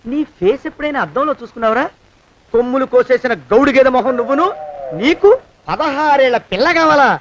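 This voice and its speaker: A cheeky servant in a film comedy who taunts and blackmails his master. He nags theatrically in a very high voice. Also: quick pace, lo-fi sound, background noise. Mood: defiant. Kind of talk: Telugu film comedy acting.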